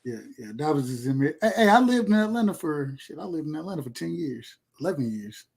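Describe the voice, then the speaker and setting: Man, 30s, fairly high voice, loose rambling podcast host talk. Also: big pitch swings, fast, creaky, darkish tone, breathy edge. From Georgia, USA. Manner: laid-back, boastful, rambling with repeats. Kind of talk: casual chat.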